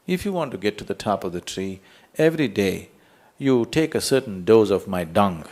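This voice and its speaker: A man's voice: on the low side, lively intonation, normal speed, darkish tone. A man voicing a nonchalant male bull in a spoken fable, giving advice in an offhand, matter-of-fact way.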